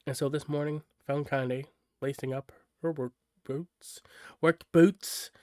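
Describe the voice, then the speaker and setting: A man's voice: medium pitch, little pitch movement, unhurried, darkish tone, dry recording. A man reading a story aloud on a live stream, casual and tripping over words now and then. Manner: casual, stumbles and self-corrects while reading.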